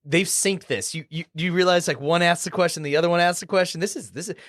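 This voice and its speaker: A man's voice: sits high, fast, fairly bright tone, dry recording, studio quality. Joking man hosting a podcast. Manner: joking, laughs often. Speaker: podcast host. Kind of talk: casual podcast banter.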